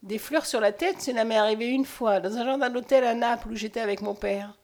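Female narrator doing a thoughtful, guarded young woman; soft, a bit high. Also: a little fast, close to an everyday voice. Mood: pensive. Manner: soft, pensive.

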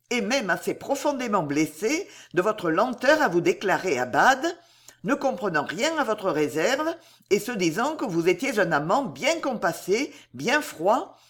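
A middle-aged countess, poised and ironic, speaks with sweeping, lively melody, as a woman reader puts her on. She talks in a storybook register, sure of herself and gently scornful. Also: mid-range voice, husky. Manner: mocking, smiling, poised. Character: ironic, self-assured aristocratic countess, middle-aged mother. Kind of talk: audiobook character reading.

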